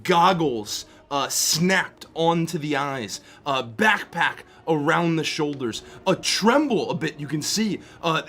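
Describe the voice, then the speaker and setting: Higher-voiced man narrating as game master. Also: fairly bright tone. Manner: halting, piecing descriptions together. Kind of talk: improvised tabletop game narration. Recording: music behind the voice.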